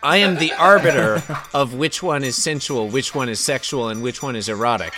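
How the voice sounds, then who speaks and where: A man's voice: mid-range voice, moderate pace, over music. A man hosting a casual podcast, bantering playfully and running a made-up game like an emcee. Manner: animated, playful game-show emcee delivery. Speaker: podcast host.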